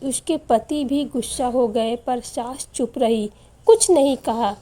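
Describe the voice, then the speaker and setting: Woman storyteller, scripted narration, slow and measured, high mellow voice.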